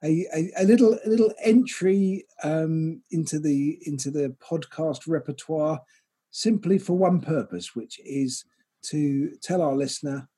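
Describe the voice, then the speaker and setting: A man's voice: a little high, measured pace, mellow, slightly rough. A man hosting a comedic podcast with friends, slipping into a mock radio-presenter delivery, often stumbling and repeating words. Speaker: podcast host.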